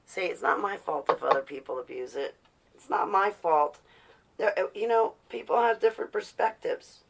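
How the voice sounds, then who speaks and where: A vlogger in her forties from New Jersey rambles casually and bluntly in an American accent, defiant and fond of rhetorical questions. Her mid-range voice is gravelly at a normal speed, with background noise behind her.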